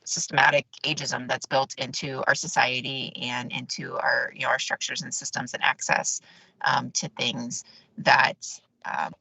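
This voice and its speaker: A woman's voice: extremely low pitch, little pitch movement, normal speed, gravelly, pushed and bright, slightly rough, no room sound, rough recording. A woman clinician on a video call from a parking lot, her choppy audio cutting out as she talks with hesitant restarts. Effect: choppy audio cutting out on a weak call connection. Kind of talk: virtual meeting discussion. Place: parked car lot between patient visits. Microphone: video call on a phone or laptop.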